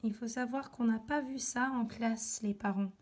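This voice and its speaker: Teaching young children remotely, a woman with a French accent stretches out her words and articulates slowly and clearly. Her voice is a little high with a darkish tone.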